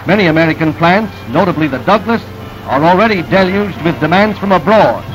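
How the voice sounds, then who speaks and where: A man narrating an old newsreel in a brisk, emphatic announcer delivery. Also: high-pitched, lively intonation, muffled recording, music in the background.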